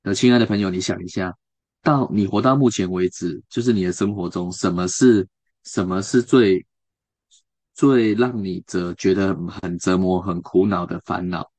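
A radio host, a man with a Taiwanese Mandarin accent, talks through a book in a loose, chatty way. His voice sits low, and he keeps turning to his listeners with questions between fillers and restarts. The sound is close and dry, with no room around it. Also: a little mellow, no echo. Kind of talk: casual book talk to listeners.

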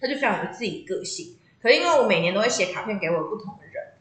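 Fast-talking woman in an echoey room. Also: medium pitch. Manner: animated, laughs often, acts out quoted voices. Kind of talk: casual chat, storytelling.

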